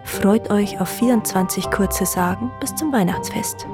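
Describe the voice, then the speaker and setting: A woman podcast host calmly narrating a short legend in a measured, scripted reading. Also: medium pitch, music in the background. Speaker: podcast storyteller. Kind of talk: scripted fairy-tale narration.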